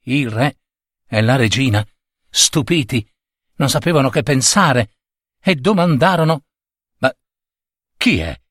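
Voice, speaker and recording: A man narrating a fairy tale expressively, with pauses and rising emphasis. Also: mid-range voice, a bit bright, dry recording, clean studio sound. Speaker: storyteller.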